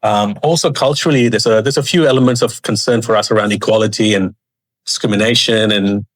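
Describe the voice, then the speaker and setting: A man's voice: lowish voice, steady tone, a little fast. A man interviewing a guest in an informal, encouraging, conversational way. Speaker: interviewer, host.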